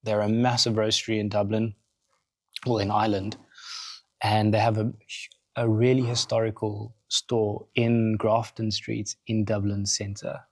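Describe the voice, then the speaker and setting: A South African man, a podcast guest and coffee roaster founder, telling his story in casual, animated chat in a studio. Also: lowish voice, measured pace, no echo. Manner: animated, acts out quotes in other voices.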